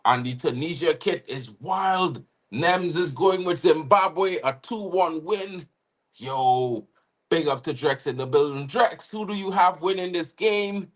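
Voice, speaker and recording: Co-hosting a football watchalong live, this man from Trinidad and Tobago speaks in a Trinidadian accent with a voice that sits a little high. His talk is laid-back, full of shout-outs to viewers and frequent "you know what I mean"s.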